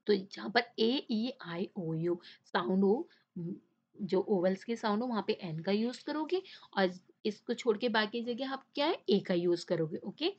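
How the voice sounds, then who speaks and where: A woman's voice: mid-range voice, lively intonation, measured pace. A woman teacher explaining a children's English lesson in Hindi, often stopping to ask the class questions and to check with "okay?". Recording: dull lo-fi sound.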